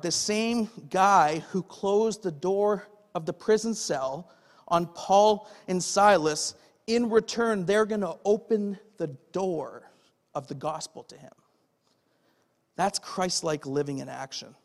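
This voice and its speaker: A pastor preaching a conversational sermon, often checking in with "okay?" and asking the congregation questions. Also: male voice, high voice, takes it slowly. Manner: asks the audience rhetorical questions. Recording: long hall reverb.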